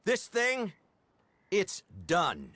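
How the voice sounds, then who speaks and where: Smug, lively-pitched lawman Agent Milton. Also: drawn-out words, dry recording, heavily acted. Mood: righteous, accusing. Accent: American. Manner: mannered, sardonic, formal. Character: smug, moralizing male lawman, coldly genteel detective agent. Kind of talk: video game cutscene acting.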